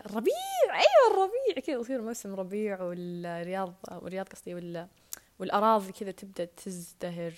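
Speaking with a Saudi Arabic accent, this woman hosts a relaxed solo podcast where she rushes and rambles, slipping into whispers now and then. Her voice sits lowish, and a wired earphone mic picks it up.

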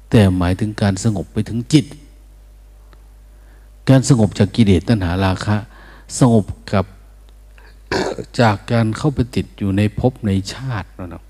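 An older male monk delivering a relaxed, informal dharma talk. His voice sits low and sounds dark and mellow, and he chuckles easily between points. He slides into short chanted passages to demonstrate the right tone. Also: breathy edge. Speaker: Buddhist monk.

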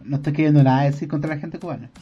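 A man's voice: on the high side, fairly even intonation, rapid-fire, dark tone, slightly rough, faint music behind. A man with a Chilean accent telling a rambling story in casual chat, stammering and repeating words. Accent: Chilean Spanish. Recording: dull lo-fi sound.

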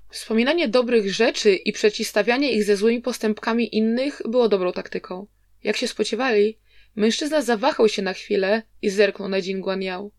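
A woman narrating a story in an even, measured reading voice. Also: a little high, dry recording, studio quality. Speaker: audiobook reader.

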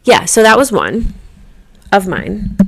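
Brief: woman, 30s, podcast co-host, chatty storyteller, mid pitch. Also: sing-song, slow pace, vocal fry, husky. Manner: chatty, storytelling with many fillers and restarts. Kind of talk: casual chat.

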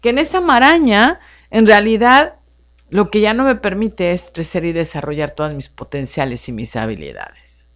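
A woman's voice: medium pitch, moderate pace. A woman hosting a live radio show on personal growth, coaching listeners with a string of rhetorical questions. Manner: animated coaching tone, rhetorical questions, frequent "entonces" and "no?". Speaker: radio host.

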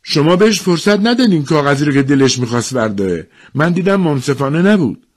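A man doing a shrill, indignant village wife. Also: dark tone, close to an everyday voice. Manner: raised, insistent pleading. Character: shrill, indignant village housewife protesting unfairness.

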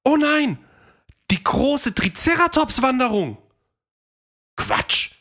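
Lady doing a squeaky happy dino guy from a kids story, bouncy and breathy. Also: huge pitch swings, slow, fairly bright tone, full character voice. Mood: cheerful. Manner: high cheerful squeals. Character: friendly male dinosaur, cave-dweller, strong legs.

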